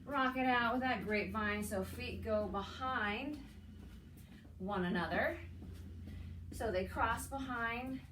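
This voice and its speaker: A middle-aged woman coaching an exercise class as an aerobics instructor, calling cues and counts with steady encouragement while she works out. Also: fairly high pitch, takes it slowly, pauses often. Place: indoors, plain room with hard walls. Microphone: camera several meters away. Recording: echoey room, distant mic, background noise.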